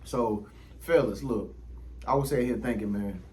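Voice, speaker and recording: This YouTube channel host, a man in his thirties, speaks at a moderate pace with a medium-pitched, darkish voice while sitting indoors under ring lights. There's a little hiss or hum on the low-quality recording, and he rambles casually to camera with slang, profanity, and plenty of fillers.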